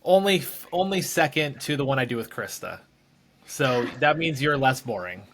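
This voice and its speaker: A man at a middle pitch hosts a casual podcast conversation. He jokes lightly, then walks through market statistics in a steady, plain way. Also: moderate pace, slight background noise. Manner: joking, relaxed, runs through figures. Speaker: podcast host. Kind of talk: casual real estate podcast chat.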